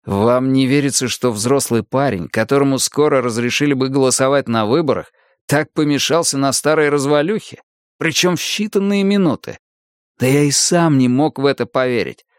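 A man narrating an audiobook in a measured, expressive reading. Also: medium pitch, clean tone, no room sound, studio quality.

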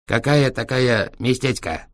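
A stern, self-important boss speaking slow, broken sentences with a Chinese accent, as a man reading a story puts him on. His voice sits a little above the reader's own. The sound is dry and close. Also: medium pitch, dry recording, pitched above the performer's own voice, lightly acted.

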